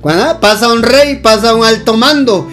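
High-voiced preacher guy, slow and fired up, faint guitar behind. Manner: impassioned, swings between loud exclamations and slow emphatic phrases. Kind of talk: sermon.

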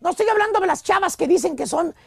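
Mexican radio comedy host, super high gravelly voice, shouts and drags lines out for laughs. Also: male voice, heavy background noise. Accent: Mexican Spanish. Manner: animated, bursts into shouts, slows for effect. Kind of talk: comic storytelling routine.

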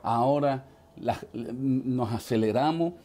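A man's voice: mid-range voice, slow pace, dark tone. A man with a Puerto Rican accent, a pastor telling his life testimony in an emotional storytelling manner, often breaking in with praise. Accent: Puerto Rican Spanish. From Puerto Rico. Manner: emotional storytelling, repeats "gloria a Jesús". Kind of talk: testimony sermon.

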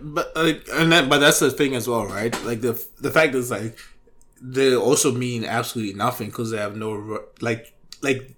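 Podcast guy rambling, tons of likes, middle pitch, new mic. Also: moderate pace, a bit bright. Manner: rambling, filler-heavy talk. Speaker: podcast co-host. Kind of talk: casual chat. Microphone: new microphone.

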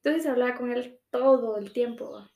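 A young woman chatting casually, telling animated stories and tagging her sentences with little questions. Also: a little high, moderate pace, creaky, echoey room. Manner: animated storyteller, ends phrases with tag questions. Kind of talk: casual chat.

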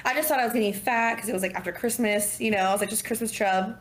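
A woman in her thirties, a podcast guest, telling a personal story in a lively way, acting out what people said and laughing often. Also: a little high, fast. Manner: animated, acts out quotes, laughs often. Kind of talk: casual storytelling.

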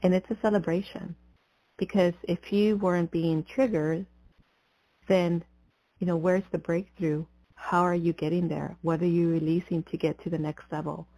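Low, mellow woman, mystical healer delivery. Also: steady tone, moderate pace, no echo. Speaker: podcast host and spiritual coach. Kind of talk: guided breathing meditation and coaching talk. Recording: slightly dull, muffled lo-fi audio.

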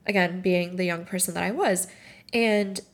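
A woman in her late twenties from Morocco speaks through tears, worn out and emotional. She pauses and restarts often as she works through a personal reflection. At times she reads her own writing aloud. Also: lowish voice, steady tone. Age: 20s. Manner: halting and emotional, with frequent restarts. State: tearful and tired.

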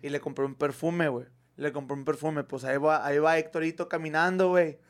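A young man with a Mexican accent, chatting on a podcast in a fairly high voice. He tells a story with lots of energy, drops slang into every line and swears freely. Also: brisk. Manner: animated storyteller, heavy slang and swearing, says 'güey' constantly. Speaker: podcast co-host. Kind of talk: casual chat, storytelling.

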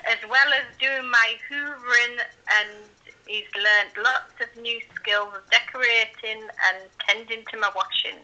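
Bright woman on speakerphone. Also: a little high, fairly even intonation, a little slow, hardly any pauses, muffled recording. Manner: polite, formal and chatty. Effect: heard over a speakerphone call. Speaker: guest on a phone call. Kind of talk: casual chat.

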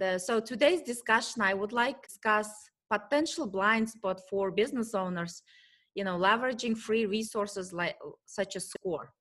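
A woman hosts a business talk show, interviewing her guest in a friendly, affirming manner. Her voice has an ordinary pitch for a woman. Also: a bit bright.

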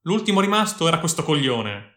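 A fierce, battle-hardened warrior commander, put on by a man reading a story, barks short gruff lines in a raised, loud voice. The tone is bright and edgy. It rings in an echoey room. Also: fairly high pitch, sing-song, fairly quick, voice pushed up. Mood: curt.

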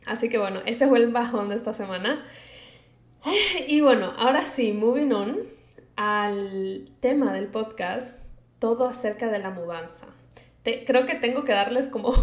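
A woman's voice: fairly high pitch, normal speed. A woman in her twenties from Ecuador with an Ecuadorian Spanish accent, hosting a casual personal podcast monologue, chatty and rambling, slipping in English words. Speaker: podcast host. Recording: echoey room.

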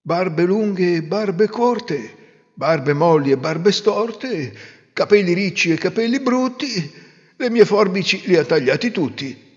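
A man voicing a village barber who recites a slow, sing-song rhyme. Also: high-pitched, expressive, pitched above the performer's own voice. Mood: cheerful. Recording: roomy reverb, dull lo-fi sound.

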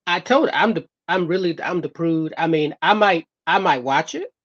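A man's voice: on the high side, moderate pace, fairly bright tone. A man chatting as a guest, his headset giving a muffled sound like talking inside a fishbowl, often repeating and restarting his words. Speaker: guest on a talk show. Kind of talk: casual chat. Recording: dull, muffled headset line.

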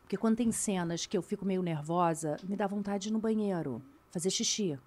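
A woman, a guest actress, telling animated stories in a casual chat. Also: medium pitch, brisk. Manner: chatty, animated storyteller.

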